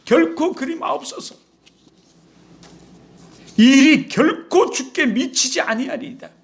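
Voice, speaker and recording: A man's voice: very high voice, very animated, unhurried, creaky, exaggerated voice. A male pastor voicing Peter as a fervent disciple protesting with insistent pleas.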